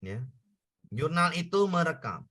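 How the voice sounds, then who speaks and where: A man's voice: a little high, very animated, unhurried, pushed and bright, a little hiss or hum. A man tutoring students in an online exam-prep lesson, repeating points and checking whether they understand. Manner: repetitive, coaxing questions to students.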